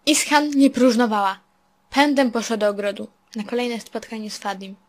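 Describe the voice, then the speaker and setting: Woman storyteller, dramatic reading, slow and soft, fairly high voice. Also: fairly even intonation. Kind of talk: reading a fan story aloud.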